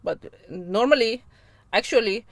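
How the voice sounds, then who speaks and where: Giggly Iranian woman speaking halting English. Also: a little high, lively intonation, dry recording. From Iran. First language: Persian. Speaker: guest. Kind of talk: casual chat.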